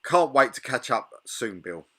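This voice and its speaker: A man's voice: mid-range voice, sing-song, measured pace, very noisy. A man giving a short spoken tribute in a personal video message.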